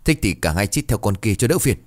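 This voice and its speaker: A man's voice: lowish voice, very animated, a little fast, darkish tone, no room sound. A man voicing a drunk, callous husband. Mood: scornful. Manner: rude, snarling, dismissive.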